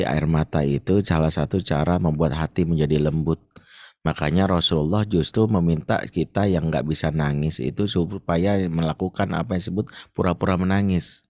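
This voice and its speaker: Low gravelly ustadz giving a parenting talk. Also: male voice, dry recording, studio quality. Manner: lively, joking, acts out stories. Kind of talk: Islamic parenting talk answering a question.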